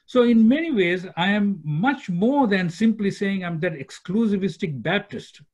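A man's voice: high-pitched, animated, moderate pace, a little mellow. An older man from Sri Lanka talking as a guest on a video call, thoughtful, often restarting words as he searches for phrasing. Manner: thoughtful, repeats words while searching for phrasing, gestures with hands. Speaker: guest, executive director of a peacemaking institute. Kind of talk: conversational interview on a video call. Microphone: computer microphone on a video call. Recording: dull lo-fi video call audio.

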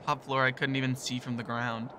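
A man's voice: medium pitch, level tone, brisk, background noise. A man narrating a visual novel in the first person, in a nervous, self-deprecating tone.

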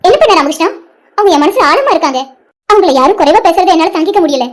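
A woman voicing a tearful, heartbroken young woman in an animated cartoon, pleading with a friend. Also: extremely high pitch, fast. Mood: hurt. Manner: pleading, protective.

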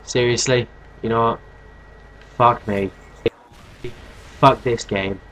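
A man's voice: mid-range voice, fairly even intonation, takes it slowly, fairly bright tone, a little hiss or hum. A young British man commentating on a video game as a raging gamer, angrily ranting and swearing. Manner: raging gamer, angry, foul-mouthed ranting.

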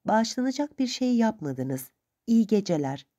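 A woman's voice: fairly high pitch, big pitch swings, normal speed, dark tone, pitched above the performer's own voice. Woman reading as a spirited young woman.

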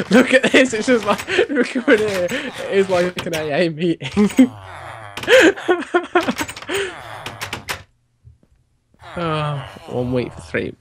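A man's voice: sits high, animated, unhurried, background noise. A man chatting casually while playing a game with a friend, giggling often. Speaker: co-player. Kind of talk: casual gameplay chat.

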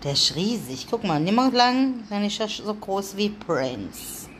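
A chatty woman with a lilt talks unhurriedly through a home vlog, breaking into high coos for her cats. There is a faint room ambience under her voice. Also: sing-song, unhurried, a little hiss or hum. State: allergic, coughing. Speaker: vlogger. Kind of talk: casual vlog talk to cats and viewers.

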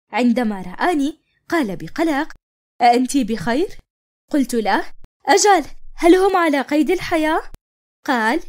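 A woman narrating an animated story in the first person and voicing every figure herself. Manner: voices every figure herself, dropping lower for the doctor. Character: Nour, a young wife and mother telling her own story. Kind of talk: storytelling narration in classical Arabic.

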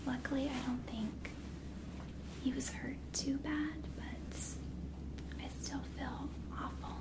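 Woman acting a slow whispering flight attendant, whispered role-play. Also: sits high, steady tone, poor audio. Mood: apologetic, confiding. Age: young adult. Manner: soft, slow, soothing whisper. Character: attentive, gentle female flight attendant soothing a passenger. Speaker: ASMR performer.

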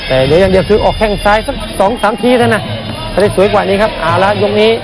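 A man's voice: sits high, rapid-fire. A man giving live Muay Thai commentary as the analyst, advising on what technique the fighter should use. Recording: music and crowd noise behind commentary. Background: music and crowd.

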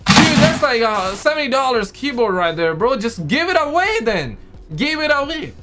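A man's voice: extremely high pitch, sing-song, normal speed, very noisy. A young man hosting a reaction video with casual, slangy, exclamatory commentary, often repeating his phrases. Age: young adult. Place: home room with green screen. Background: music.

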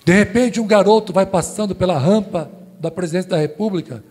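A male pastor preaching a sermon in a church service, emphatic and rhetorical, moving between loud calls and hushed phrases. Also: sits high, brisk, breathy edge. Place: church sanctuary during a live service. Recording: long church-hall reverb.

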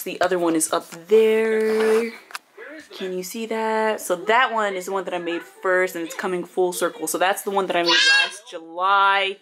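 Congested girl doing a chatty vlog tour of her room, lots of like and um, hissy noisy audio. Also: lowish voice. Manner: chatty and excitable, lots of fillers. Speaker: vlogger. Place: home room.

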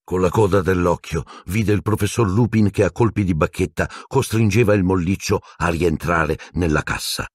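A man narrating an audiobook in an expressive, dramatic storytelling manner. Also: low-pitched, moderate pace, hardly any pauses, husky, dry recording, studio quality. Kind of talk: scripted narration.

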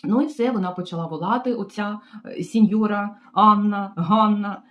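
A woman's voice: medium pitch, moderate pace, a bit bright. A woman from Ukraine tells a story about her work as a hotel maid in a casual vlog, talking in a chatty way and turning to her viewers with frequent asides. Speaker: vlogger recounting her job as a hotel maid.

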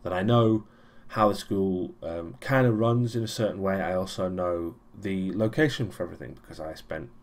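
A young European man with a low-pitched voice talks at a normal speed, barely pausing, as he gives a casual weekly vlog recap. He rambles with plenty of ums and restarts, and there's a dry, sarcastic streak running through it.

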